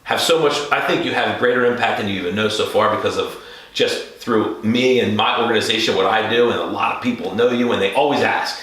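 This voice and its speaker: Lower-voiced podcast host guy, rambly casual chat, lots of ums, really echoey room. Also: fast, few pauses, fairly bright tone. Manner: rambling, many fillers and restarts.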